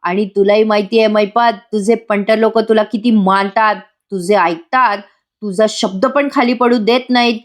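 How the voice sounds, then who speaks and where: A woman's voice: medium pitch, steady tone, moderate pace, natural voice. A woman reading the lines of a scheming male crook in a serial recap, taunting him in a mocking voice. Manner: taunting, mock-worried voice.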